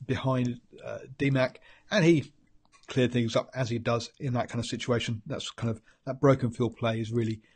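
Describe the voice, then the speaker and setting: This rugby pundit host has a medium-pitched, husky voice with a darkish tone. He speaks with a New Zealand accent and sounds congested from a head cold while he rambles solo through match analysis, stumbling into ums and restarts.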